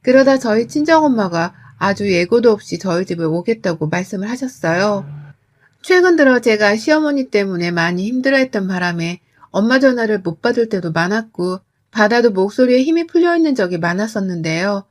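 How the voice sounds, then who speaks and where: A woman telling a first-person family story as scripted narration, in an even, reflective tone. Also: medium pitch, brisk.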